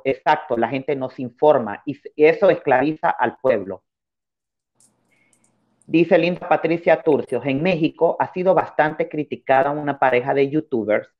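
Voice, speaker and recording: A man, hosting a chat and reading viewer comments aloud one after another. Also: medium pitch. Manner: reads comments in a steady run. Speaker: host. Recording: dull lo-fi sound.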